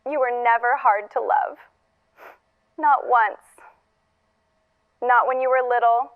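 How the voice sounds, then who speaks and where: In a piece of audio fiction, an actress with a fairly high, clean voice plays a wry, tender middle-aged woman recording a last goodbye. Her farewell message is reflective and halting, heard through a narrow filter that makes it sound thin and phone-like.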